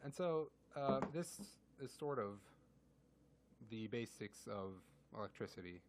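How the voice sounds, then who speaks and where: A man's voice: mid-range voice, expressive, unhurried, very noisy. A man co-hosting a casual radio show, explaining physics through everyday analogies and laughing often.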